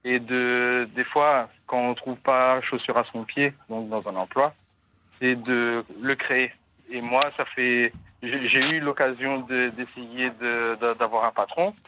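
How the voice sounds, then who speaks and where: A man's voice: medium pitch, fairly even intonation, unhurried. Earnest male caller over a landline phone. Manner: earnest, thinking aloud. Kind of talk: radio call-in comment. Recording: dull lo-fi phone line.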